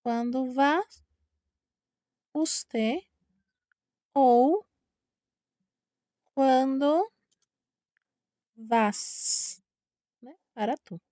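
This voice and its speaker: A woman's voice: sits high, warm tone, no echo, clean studio sound. A Brazilian woman teaching a Spanish lesson online, speaking patiently and repeating each word. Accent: Brazilian Portuguese. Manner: patient, repeats words slowly, checks with "tá?".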